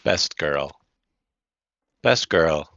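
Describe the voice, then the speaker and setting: A man with a very low, bright-edged voice plays a tabletop game. He talks casually and slowly. The audio is lo-fi and dry. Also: lively intonation, gravelly, dry recording. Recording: dull lo-fi audio.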